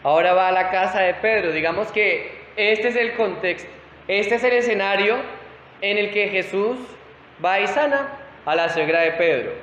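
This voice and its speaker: High-voiced pastor teaching in an echoey hall. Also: male voice, moderate pace, a bit bright, a little hiss or hum. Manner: checks in with listeners, asking "¿Sí?". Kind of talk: Bible study teaching. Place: church hall. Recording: roomy hall echo, dull lo-fi sound.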